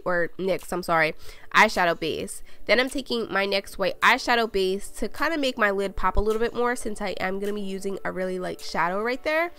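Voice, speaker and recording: A woman's voice: medium pitch, bright, forceful tone. A woman chatting casually as a beauty vlogger, a little out of breath, narrating each makeup step as she works.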